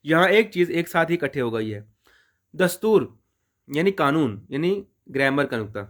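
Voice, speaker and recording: Guy teaching a persian class, slightly high voice, goes slow and repeats words over and over. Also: fairly bright tone. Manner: explains slowly, repeats words and stretches them out for teaching. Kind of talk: recorded language lesson.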